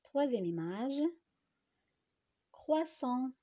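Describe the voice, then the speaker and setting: Female teacher, slightly high, mellow tone, extremely slow and deliberate; drills words syllable by syllable for young pupils. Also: lively intonation. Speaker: primary school teacher. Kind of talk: slow phonics lesson for young children.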